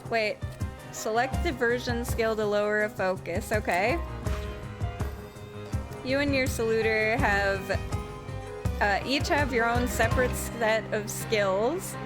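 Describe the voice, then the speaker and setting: A woman doing let's-play commentary on a video game, reading game text aloud and pausing as she goes. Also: a little high, music in the background.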